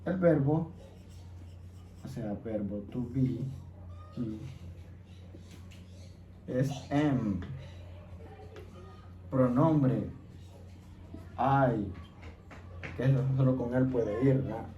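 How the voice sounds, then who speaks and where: A man teaching an English class, explaining each step slowly and patiently and checking in with his students. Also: mid-range voice, muffled recording. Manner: patient, repeats steps, checks in with "¿ok?". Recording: echoey room, faint background noise.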